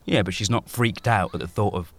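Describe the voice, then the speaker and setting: An actor playing a blunt, teasing older brother and harried dad, in an audio drama. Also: male voice, lowish voice, a little fast. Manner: blunt, teasing, shouts after his child.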